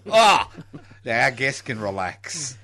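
A man's voice: medium pitch, big pitch swings, slow, sharp tone. An Australian man hosting a casual community AM radio interview, teasing and often cutting in with repeats. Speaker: radio host.

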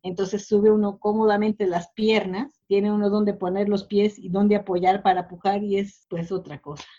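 A woman's voice: medium pitch, flat delivery, normal speed. A woman shares a personal story in an interview, her speech emotional and full of fillers and restarts. The recording sounds slightly dull and lo-fi. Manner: warm, emotional, many fillers.

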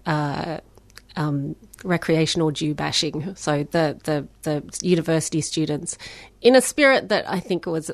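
A woman author answering interview questions about her novel in a measured, reflective way, pausing often with fillers. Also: sits low, gravelly, dry recording.

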